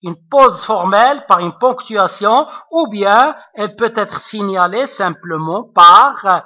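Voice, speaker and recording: A man teaching a recorded literature lesson, hesitant and full of fillers, often pausing to check that his students follow. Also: high voice, pushed and bright. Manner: hesitant, many fillers, keeps checking understanding. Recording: dull lo-fi recording.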